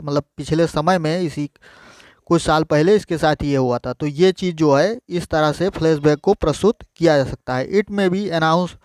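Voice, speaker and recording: Male teacher, fairly high, crisp tone, dry close mic, repetitive explainer for exam prep. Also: dry recording. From India. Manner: explains each point by repeating it in Hindi, addresses viewers as friends.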